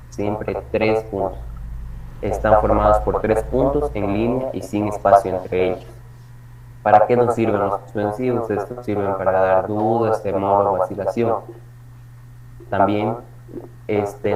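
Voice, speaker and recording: A man teaching a reading workshop lesson on punctuation, explaining step by step and slowing down for examples. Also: on the low side. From Ecuador. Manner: explanatory, slows for examples, frequent restarts. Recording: echoey room, distant mic, dull sound, crowd.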